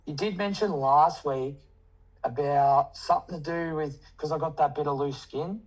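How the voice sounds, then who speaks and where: A man's voice: on the high side, normal speed, poor audio. Casual Kiwi man, rambling and sweary. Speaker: coaching client. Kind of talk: casual chat.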